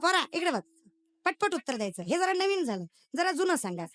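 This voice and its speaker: A woman's voice: extremely high pitch, very animated, a little fast, fairly bright tone. A young woman giving a comic devotional sermon. She teases the crowd, fires quiz questions at them and slips in English phrases. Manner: teasing, quizzes the audience and mixes in English phrases. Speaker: kirtan preacher. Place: stage at a devotional gathering.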